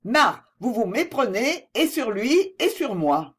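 Reader doing a proud frightened young woman, begging, higher voice, lots of pitch movement. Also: sing-song, slow pace, slightly rough, full character voice. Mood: indignant. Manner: pleading, low and effortful. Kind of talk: audiobook dialogue reading.

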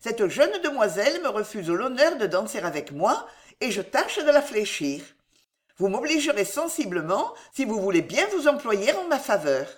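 A woman doing a fawning hot-headed gentleman. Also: a little high, sing-song, moderate pace. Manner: theatrical, impassioned, pleading. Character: excitable fawning young gentleman suitor.

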